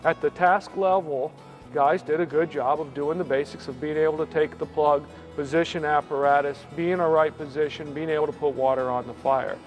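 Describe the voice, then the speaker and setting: A man's voice: fairly high pitch, steady tone, a little fast. A man, a fire incident commander, talking through an after-action debrief in explanatory trade jargon. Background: faint music.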